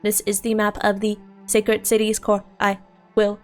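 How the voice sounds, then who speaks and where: A woman voicing an overheating, failing ancient robot servant in a game, solemn and halting, as if shutting down. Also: medium pitch, monotone, lightly acted. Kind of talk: reading game dialogue aloud in character. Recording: game music under the voice.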